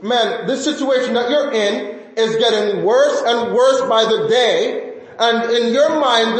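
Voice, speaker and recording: A man preaching a sermon to his congregation in earnest, repeating key phrases, with many fillers and restarts. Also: very high-pitched. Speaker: pastor. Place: church sanctuary. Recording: echoey church hall.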